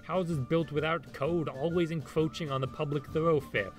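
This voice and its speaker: A man's voice: on the high side, steady tone, normal speed. Man with rhotacism, r sounding like w. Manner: sarcastic, exasperated, profane. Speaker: video essay critic. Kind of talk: opinionated ranting video commentary. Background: music behind the voice.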